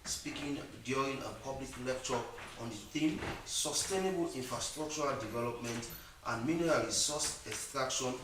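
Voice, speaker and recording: A man hosting a morning show, reading headlines in a smooth, polished radio-host delivery from a studio. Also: mid-range voice, normal speed, distant mic. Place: broadcast studio. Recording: very echoey studio, voice off-mic, faint noise.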